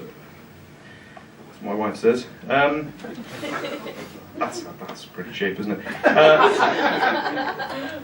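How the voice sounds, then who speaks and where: A British man doing live stand-up patter in an awkward, rambling, halting way, like a comic whose jokes are bombing. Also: fairly high pitch, noisy background. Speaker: stand-up comedian with songs. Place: small live comedy venue on stage. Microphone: stage microphone. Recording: echoey live venue, distant, music behind.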